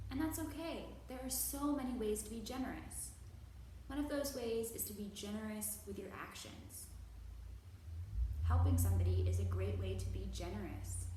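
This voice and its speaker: The recording, made with a distant mic in a very echoey space, carries faint noise behind a library storytime host. Her voice is medium in pitch with a darkish tone, and she encourages young viewers while slowly drawing out key words.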